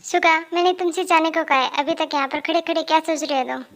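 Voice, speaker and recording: A cheeky young company boss who barks orders at his assistant and whines like a baby to his mother, voiced by a woman in a fan audio drama. The voice sits very high. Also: fairly even intonation, quick pace, a bit bright. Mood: bossy. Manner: bossy at work, pleading and babyish with his mother.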